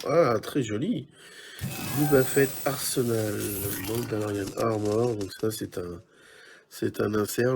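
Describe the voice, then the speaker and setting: A man's voice: on the low side, vocal fry, darkish tone, slight background noise. A man giving casual, chatty commentary while opening trading card packs, musing aloud with many hesitations.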